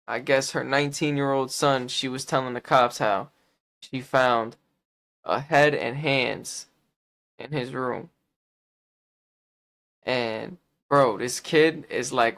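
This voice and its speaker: A man's voice: mid-range voice, bright, forceful tone. A young man giving loose, profane reaction commentary, retelling a story with slang and laughs. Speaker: reaction streamer.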